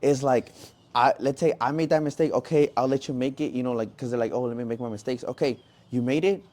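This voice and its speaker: A man's voice: medium pitch, fast talker, a little mellow. A man co-hosting a podcast in casual chat, rambling with lots of "bro" and "like". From Mexican-American family. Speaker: podcast co-host.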